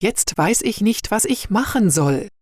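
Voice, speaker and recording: A woman's voice: mid-range voice, lively intonation, unhurried, darkish tone, no echo, studio quality, voice pushed up. A woman voicing an annoyed young male baker in a read-aloud story for learners, grumbling and exasperated. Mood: worried.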